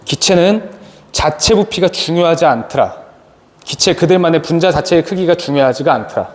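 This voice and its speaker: A man's voice: a little high, lively intonation, normal speed. A man teaching a chemistry lecture, asking questions and answering them himself. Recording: long reverb, faint noise.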